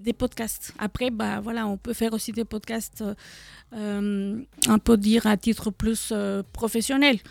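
With a gravelly, mid-range voice, fairly even intonation and a measured pace, a middle-aged Mexican woman speaks in a Mexican Spanish accent as a guest in a live radio studio interview. An association co-founder, she hesitates and uses many fillers. There is no room sound.

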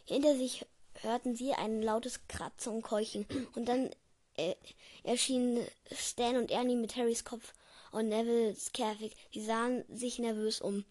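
Woman, fairly high voice, casual read-aloud, stumbling, self-correcting. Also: steady tone, unhurried, darkish tone. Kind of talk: casual reading aloud of a book.

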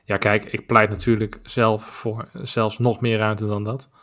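A man with a Dutch accent co-hosting a podcast, talking in a measured, opinionated way with many filler pauses. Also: fairly low pitch, level tone, fairly bright tone. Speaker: podcast co-host. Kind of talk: casual podcast discussion.

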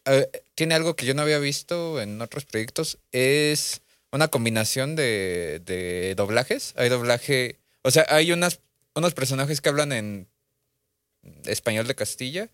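A man's voice: medium pitch, unhurried, no room sound. A man riffs casually on a podcast, recommending things with jokes and slang. His voice sits close and dry, with no room sound around it. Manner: joking, relaxed recommendations with slangy asides. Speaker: podcast co-host.

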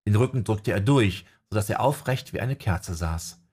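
A man narrating a fantasy audiobook in a calm, measured reading style. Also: fairly low pitch, breathy edge.

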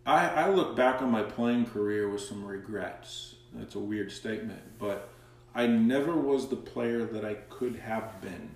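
This man is a soccer coach being interviewed, and he speaks in a lowish voice at a measured pace. His storytelling is lively and casual, and he performs the dialogue he quotes. He's far from the microphone in a very echoey room.

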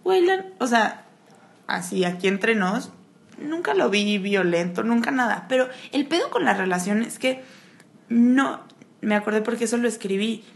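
A woman's voice: fairly high pitch, lively intonation, moderate pace, gravelly. A young woman with a Mexican accent, co-hosting and telling candid personal stories in casual chat. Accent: Mexican Spanish. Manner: candid storyteller, acts out quotes. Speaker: podcast co-host.

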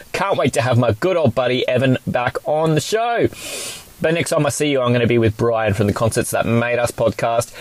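A man's voice: mid-range voice, a little mellow. An Australian man hosting a casual sports podcast, chatting in an informal, matey way. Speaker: podcast host.

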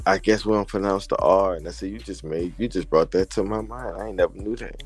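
A man's voice: deep voice, quick pace, slightly rough, soft background music. A man with a New Orleans accent, chatting as a guest in a laid-back, easygoing way and often repeating himself. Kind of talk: casual chat.

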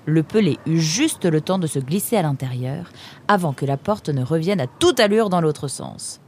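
Une femme qui lit un conte en livre audio, avec un récit vivant et un brin ironique. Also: female voice, low voice, animated, normal speed, a little hiss or hum. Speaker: narrator. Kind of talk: scripted audiobook narration.

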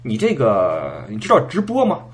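A man's voice: medium pitch, huge pitch swings, normal speed. A man voicing a smug, condescending male talent agent who explains things.

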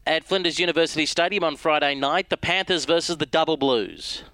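Male sports radio host, bright and smooth, briskly reads fixtures. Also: fairly high pitch, animated, no room sound.

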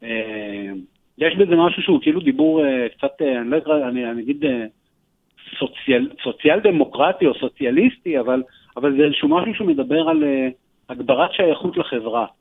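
A man speaking as a radio interview guest, earnest and urgent, often pausing with hesitations. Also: mid-range voice, sing-song, creaky. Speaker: interview guest, economic educator. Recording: tinny phone line.

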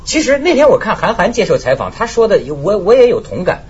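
A high-pitched man hosts a relaxed studio chat show, his voice leaping about as he spins anecdotes. He laughs easily and talks in a loose, casual way. The sound is a little dull and muffled, with faint room ambience behind it. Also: fast, slight background noise. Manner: animated storyteller, laughs often. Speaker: talk show host. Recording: slightly muffled broadcast audio.

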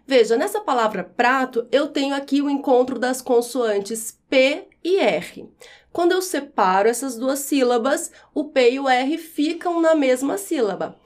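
A woman teacher explaining a grammar lesson, saying each example word slowly and clearly. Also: high voice, animated. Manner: slow, clear enunciation of example words.

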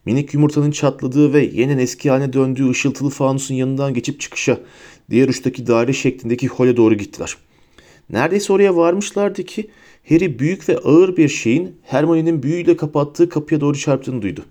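A man narrating a fantasy audiobook in a lively storytelling manner. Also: brisk. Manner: lively storytelling, pitches up for characters' shouts.

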